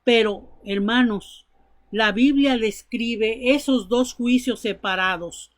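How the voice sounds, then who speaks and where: A woman's voice: on the high side, slow pace. A woman preacher delivering a sermon, telling Bible stories and her own testimony in an earnest, emphatic way.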